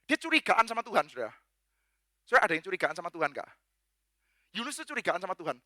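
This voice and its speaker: A male pastor preaching a sermon in a lively, joking way, dropping in English phrases and acting out quoted voices. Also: racing, no room sound, studio quality. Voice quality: acts out quoted voices with big pitch jumps. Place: church.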